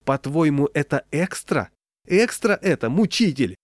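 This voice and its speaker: A man's voice: medium pitch, big pitch swings, a little slow, dry recording. A man putting on a scolding, indignant wife.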